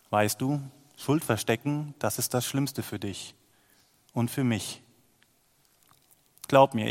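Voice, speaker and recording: A man voicing a gentle, deep-voiced king who speaks to his adopted child as a loving father, soft and reassuring. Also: in a large hall, natural voice. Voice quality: deep, calm.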